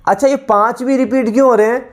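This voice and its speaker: A teacher giving an exam-prep vocabulary lesson, reading each English definition out slowly, then repeating the answer word again and again with explanations. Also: mid-range voice, fairly even intonation. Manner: explains in Hindi mixed with English terms.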